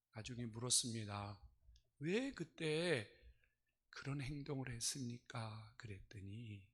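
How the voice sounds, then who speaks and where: A male pastor preaching a sermon, telling his story dramatically, dropping to hushed whispers and rising to loud outbursts. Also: medium pitch, breathy edge.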